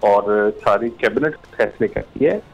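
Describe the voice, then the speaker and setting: A man debating as a politician, rebutting firmly in measured sentences. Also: fairly low pitch, gravelly. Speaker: politician guest. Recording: muffled remote line with faint music.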